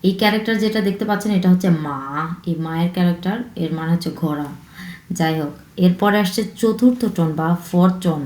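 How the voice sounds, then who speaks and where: A woman teaching a language lesson online, slowly modelling each sound three times and mixing English words into her explanations. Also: fairly low pitch, a little mellow, reverberant.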